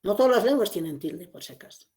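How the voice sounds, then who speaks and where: A woman's voice: medium pitch, animated, fast, mellow. Woman teaching a phonetics class. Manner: explanatory, repeats key points, checks with "¿no?". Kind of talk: classroom lecture.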